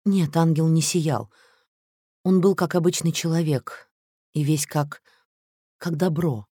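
A man reading an audiobook story, voicing a fragile young woman chess player who speaks in halting, trembling phrases with a raised voice. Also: on the high side, steady tone, mellow, slightly rough, no echo, studio quality, pitched above the performer's own voice.

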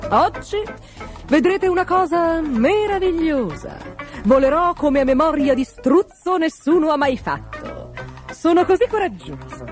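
Pompous boastful ostrich king, played by a woman, lively storybook delivery. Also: high voice, measured pace, soft background music, pitched above the performer's own voice. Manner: blustering, hesitant excuses.

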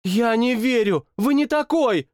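A man's voice: extremely high pitch, expressive, darkish tone, no room sound, studio quality, voice pushed up. A man voicing a stubborn young woman who pleads and scolds in an audiobook. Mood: pleading. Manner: pleading, scolding, quick protests. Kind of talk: audiobook narration.

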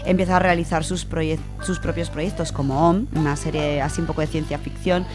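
Speaking fairly quickly in a low, steady voice, a woman with an accent from Spain chats to radio listeners in an informal biographical segment based on notes. Familiar, colloquial asides pepper her talk, and music plays in the background.

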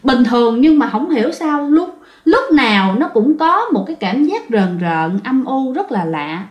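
A woman's voice: high-pitched, big pitch swings, unhurried. A woman with a Southern Vietnamese accent telling a ghost story in a chatty way, talking straight to her listeners. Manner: chatty, addresses listeners directly. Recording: roomy, slightly dull recording.

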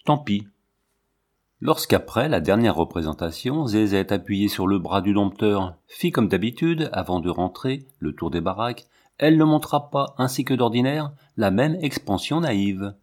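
A man reading a novel aloud as scripted narration, measured and expressive. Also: on the low side. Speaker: audiobook reader.

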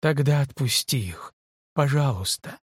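Frantic pregnant young woman pleading and yelling, a guy reading her, husky voice, slow. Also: medium pitch, animated, no room sound, clean studio sound. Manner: pleading, breaking into shouts.

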